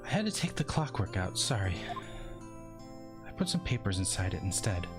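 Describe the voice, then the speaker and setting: A man playing a calm, low-voiced lawyer sister. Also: normal speed, music in the background. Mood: gentle. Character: calm older sister, composed lawyer woman.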